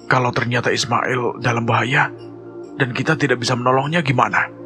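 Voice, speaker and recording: A man's voice: mid-range voice, fairly even intonation, a little fast, lightly acted. A man voicing a worried young male hiker asking anxious questions, with music behind.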